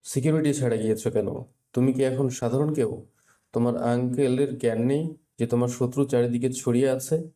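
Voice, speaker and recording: A man's voice: mid-range voice, normal speed, dark tone, natural voice. An actor playing a stern, protective middle-aged father in an audio drama. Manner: scolding, authoritative.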